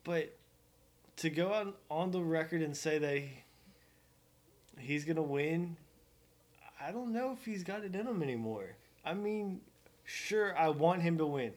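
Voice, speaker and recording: A man from Oklahoma co-hosts a laid-back golf podcast, talking in a fairly high voice. He rambles, pokes fun at himself and keeps the chat loose and easy. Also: lively intonation, a little slow, long pauses, a little mellow. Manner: joking, rambling, self-mocking. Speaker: podcast co-host. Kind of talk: casual sports chat.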